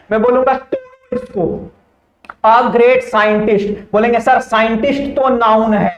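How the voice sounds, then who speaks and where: A high-pitched man teaching a grammar lesson. He asks a question, answers it himself and repeats every point. The sound is dull and lo-fi, with a roomy echo. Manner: call-and-response questioning, repeats each point. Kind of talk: Hindi-language grammar lecture. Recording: echoey, dull lo-fi room sound.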